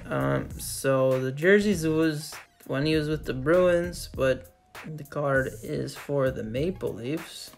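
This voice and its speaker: A woman hosting a casual card-opening video, reading off names one after another in a steady list at her desk. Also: low-pitched, takes it slowly, gravelly. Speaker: channel host opening trading card packs. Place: indoors at a desk with a card display wall. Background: background music.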